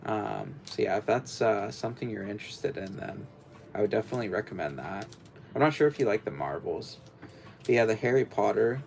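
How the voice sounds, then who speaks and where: A young man with a deep, gravelly voice and a darkish tone chats casually on a livestream while building something. He talks briskly with lively intonation, but his speech is rambling and hesitant, packed with fillers and restarts.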